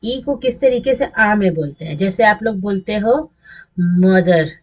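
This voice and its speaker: A woman's voice: mid-range voice, animated, normal speed. A woman English teacher giving a slide lesson, patiently repeating and stretching example words. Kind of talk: classroom lesson over slides.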